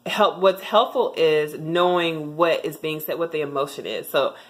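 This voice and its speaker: Over a rough recording, a young adult woman with a deep voice and moderate pace talks to camera in a casual tutorial vlog about language tips. She chats freely, often restarting and saying um.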